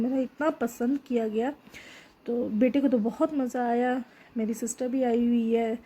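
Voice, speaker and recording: A middle-aged woman chatting homely and unhurried while narrating her home cooking vlog in a kitchen. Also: fairly high pitch, mellow. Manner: chatty, homely, with filler pauses. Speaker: home cooking channel host.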